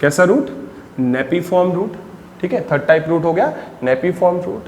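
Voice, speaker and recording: A man with a fairly high voice teaches a biology class, echoing through a reverberant room over faint background hiss. He drills key terms by asking them back as questions and answering them himself. When he reaches the English definitions, he slows to a dictation pace. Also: animated, a little mellow. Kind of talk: classroom lecture in Hindi-English mix.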